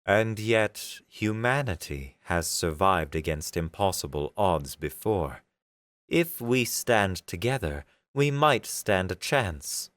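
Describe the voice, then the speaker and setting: A man's voice: deep voice, animated, slow pace, a bit bright, no echo, pitched above the performer's own voice, heavily acted. A man voicing an earnest male insectoid alien ally rallying a council in an audiobook story.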